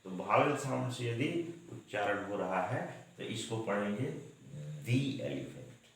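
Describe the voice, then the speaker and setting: A man teaching a grammar lesson, slow and patient, often checking in with the class. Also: lowish voice, slight background noise. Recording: very echoey room.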